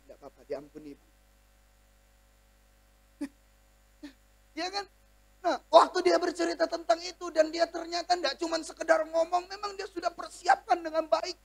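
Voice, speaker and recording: Male pastor with an Indonesian accent, very high voice with gravel, storytelling sermon delivery. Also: level tone, normal speed. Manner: storytelling preacher, acts out quoted voices, swings from soft to loud.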